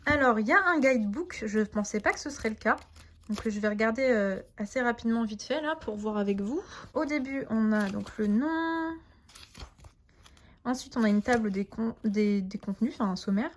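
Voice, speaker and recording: A woman with a fairly high voice talks through an unboxing in a relaxed, chatty way. She is enthusiastic but often pauses and hesitates. Between comments she reads card names aloud and adds translations. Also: slight background noise. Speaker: tarot and oracle deck reviewer. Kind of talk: casual unboxing narration.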